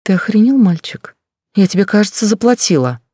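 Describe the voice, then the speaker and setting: A man voicing a shrill, vulgar blonde woman who shrieks loudly and indignantly. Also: very animated, slow, breathy edge, no room sound, clean studio sound, full character voice. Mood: shrieking outrage.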